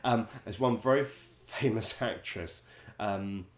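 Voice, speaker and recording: A man, a musical director and vocal coach, telling wry stories in a chatty way, laughing often and filling pauses with ums. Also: fairly low pitch, echoey room. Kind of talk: casual anecdote-telling.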